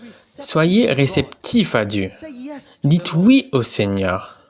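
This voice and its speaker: A preacher delivering a sermon, exhorting the congregation directly with commands and questions. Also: mid-range voice.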